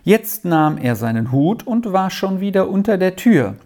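Expressive, unhurried storybook narrator. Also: medium pitch. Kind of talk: storybook reading.

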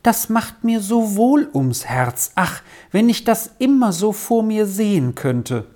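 A woman's voice: mid-range voice, big pitch swings, takes it slowly, mellow, pitched above the performer's own voice. A woman doing a tearful grieving mother. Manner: plaintive, sobbing.

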